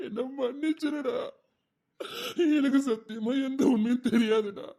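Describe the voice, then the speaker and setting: A man's voice: very high-pitched, measured pace, gravelly, mellow, full character voice. Man as grieving retired soldier, Tirunelveli accent, crying, sobbing pleas, web drama. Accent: Tirunelveli Tamil. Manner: sobbing, pleading apologies. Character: grieving retired soldier mourning a dead friend. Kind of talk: web series drama acting.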